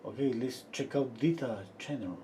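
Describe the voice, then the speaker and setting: A man from Peru teaching a live-stream painting lesson, quiet and unhurried, often trailing off into murmurs as he works. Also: medium pitch, slight background noise. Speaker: painting instructor.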